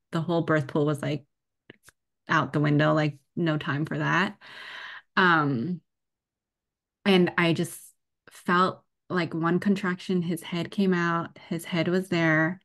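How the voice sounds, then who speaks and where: A young woman guest on a podcast, telling her birth story in a chatty, animated way, full of "like" and laughter. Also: fairly low pitch, slow pace. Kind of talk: casual birth story told in an interview.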